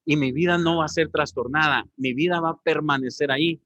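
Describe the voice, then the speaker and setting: A man's voice: fairly high pitch, fairly even intonation, brisk, a bit bright, no room sound, lo-fi sound. A man preaching a sermon as pastor, often calling his listeners brothers. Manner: preaching, addressing the congregation as brothers.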